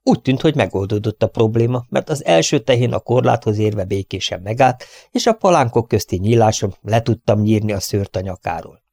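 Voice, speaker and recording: A man reading an audiobook in steady, measured narration on a close studio mic. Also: on the low side, no room sound. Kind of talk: scripted narration.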